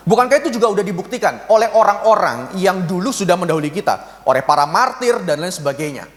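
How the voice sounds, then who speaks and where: Man in his thirties, pastor, lively conversational sermon, high voice, long church reverb. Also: fast talker. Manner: lively, conversational preaching with animated asides and laughter.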